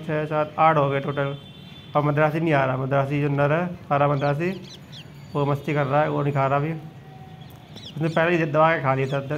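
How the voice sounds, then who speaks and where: Filmed on a handheld phone with rough audio and a little hiss or hum, a man with a voice on the high side vlogs from his rooftop pigeon loft. He chats casually with viewers while pointing out his birds.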